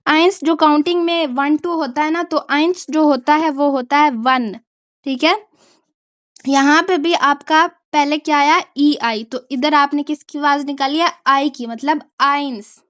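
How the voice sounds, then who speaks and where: A woman's voice: high-pitched, steady tone, measured pace, a bit bright, no room sound, highs cut off. A woman teaching a German language class, explaining pronunciation patiently and checking in often with her students. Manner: patient, repeats "ठीक है?" to check understanding. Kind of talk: online language lesson.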